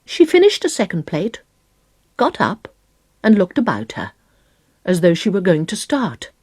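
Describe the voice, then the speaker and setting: Slow, husky woman storyteller. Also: no room sound, studio quality. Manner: slow, expressive, varied pitch. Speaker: storybook reader. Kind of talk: children's story narration.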